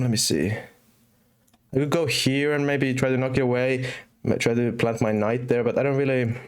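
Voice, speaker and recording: A man's voice: medium pitch, a little mellow. A young man from Finland with a Finnish accent that mixes in British and American English. He streams chess casually, thinking aloud with many fillers and restarts. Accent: Finnish, with British and American English mix. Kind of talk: casual live-stream commentary.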